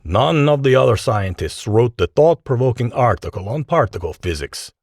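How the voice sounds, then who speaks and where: A man's voice: medium pitch, animated, moderate pace, no echo, clean studio sound. A man voicing a courteous Russian scientist in his mid-fifties, speaking formally with a heavy Russian accent. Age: 50s.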